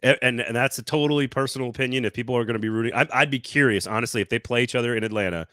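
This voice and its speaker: An animated man argues his case on a sports talk show, often stopping and restarting mid-thought. His voice sits in a middle pitch, recorded close and dry. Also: no room sound. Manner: animated, talks in quick restarts. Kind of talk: casual sports debate.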